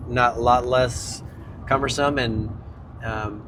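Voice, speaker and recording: A man's voice: medium pitch, steady tone, slow. A man co-hosting a podcast in casual chat from inside a car, on a wireless microphone. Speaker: podcast co-host. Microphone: wireless clip-on microphone. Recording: noisy vehicle interior.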